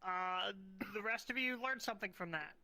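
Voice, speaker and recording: A roleplay player acting as an officer, handing out brisk, bossy praise. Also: mid-range voice, background noise. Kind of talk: in-character roleplay banter.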